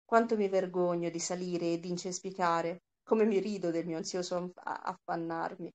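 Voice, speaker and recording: A woman's voice: lowish voice, steady tone, normal speed, a little mellow, lightly acted. A woman voicing a troubled, envious young man, reading his confession in an earnest way. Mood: anguished.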